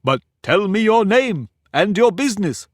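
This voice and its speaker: A man's voice: high voice, big pitch swings, measured pace, dry recording, clean studio sound, voice pushed up, exaggerated voice. A man voicing a pompous, touchy talking egg in a storybook reading, boastful and argumentative. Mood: haughty. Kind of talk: audiobook character reading.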